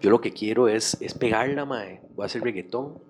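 A man with a Costa Rican accent, a guest musician talking in a relaxed, slangy and animated way in a casual conversation. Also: lowish voice, fairly quick. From Costa Rica.

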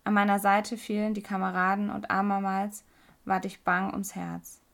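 Gravelly woman reading a fairy tale. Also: medium pitch, flat delivery, moderate pace, fairly bright tone. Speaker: storyteller.

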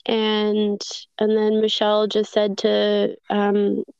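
A woman's voice: mid-range voice, completely flat delivery, slow pace, gravelly, darkish tone, clear, resonant tone, no echo, lo-fi sound. A woman being interviewed, telling a personal story in a reflective, hesitant way with many fillers and restarts. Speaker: guest.

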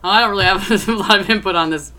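Woman, fast talker, bright voice, giggly, casual chat, swears casually. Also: mid-range voice.

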